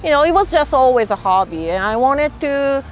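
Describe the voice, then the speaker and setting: A middle-aged freelance illustrator with a Japanese accent talks to camera interview-style in a high, slightly fast voice. She's relaxed and thoughtful, often using fillers like "you know" and "like". Soft music plays behind her.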